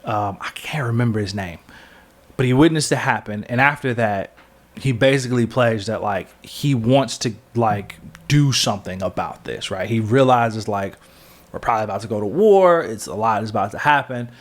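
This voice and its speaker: A man's voice: fairly low pitch, normal speed. Man rambling through a comic recap. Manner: rambling, filler-heavy, self-correcting storytelling. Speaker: podcast co-host. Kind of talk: casual comic-book recap chat.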